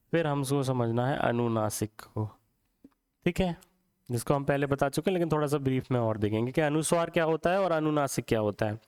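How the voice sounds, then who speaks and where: A man teaching Hindi for exams, explaining step by step and repeating words slowly to show how they sound. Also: a little high, clean tone. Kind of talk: classroom lecture for exam prep.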